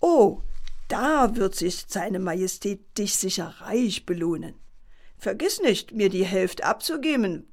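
A woman's voice: medium pitch, lively intonation, a little slow, a little mellow. Sly grinning castle guard, read by a woman, mocking and a bit greedy.

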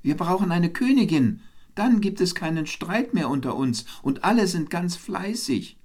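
A man voicing a boastful tiny male wren in a storybook, calling out in a shrill, excited voice. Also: moderate pace.

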